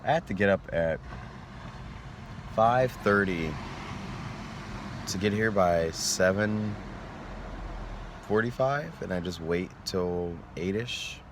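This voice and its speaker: A man's voice: sits low, slow, long pauses. A man talking to his viewers in a rambling, earnest vlog, sleepy and yawning, sometimes trailing off. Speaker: vlogger. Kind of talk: reflective vlog monologue. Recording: noisy street recording.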